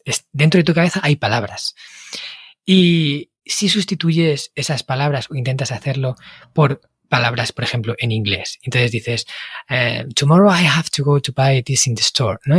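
Man, podcast host, husky voice, dry recording, explanatory chat. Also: medium pitch, no room sound. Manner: explanatory, thinks aloud with restarts. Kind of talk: conversational podcast interview.

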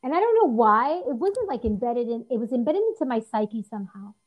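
Female interview guest, earnest, animated storyteller, restarts often; slightly dull lo-fi recording. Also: a little high, a little fast. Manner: earnest, lively, frequent restarts and fillers. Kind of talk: personal storytelling in conversation.

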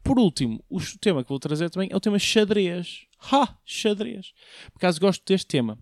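Casual man, higher-pitched, joking. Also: expressive, brisk, dry recording, studio quality. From Portugal. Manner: jokey, conversational, rhetorical questions to listeners. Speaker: solo show host, comedian. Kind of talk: casual comedic monologue, slangy chat.

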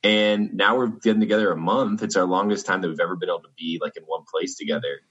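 A man's voice: deep voice, steady tone, fast, a bit bright, breathy edge, lo-fi sound. A man on a video call podcast, talking in an earnest, easygoing, reflective way. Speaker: podcast co-host. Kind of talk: casual chat over a video call.

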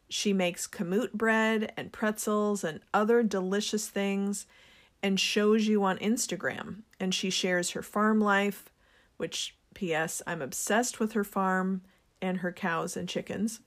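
A woman speaking slowly and with care, in an unhurried, earnest tone. She runs a small business and talks openly about sharing what she makes. Her pitch sits in a middle range. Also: steady tone. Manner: slow, gentle and earnest; introverted. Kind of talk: reflective personal talk.

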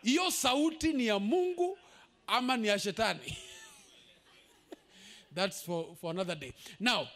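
Male pastor, very high voice, lively swooping delivery, emphatic sermon with shouted peaks. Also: measured pace, long pauses. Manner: emphatic preaching, rising to shouts, drops into Swahili asides.

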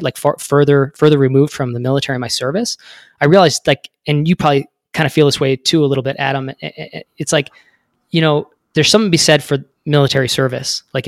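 A man's voice: on the high side, dry recording, clean studio sound. A man in his thirties telling his story as a podcast guest, rambling with many fillers. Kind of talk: casual interview talk.

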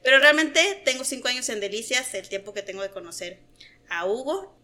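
Mexican woman in her thirties, podcast guest, bright and a bit high, chatty with lots of fillers. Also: animated, brisk. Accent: Mexican Spanish. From Mexico (Oaxaca). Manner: chatty, laughs often, many fillers. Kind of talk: casual podcast chat.

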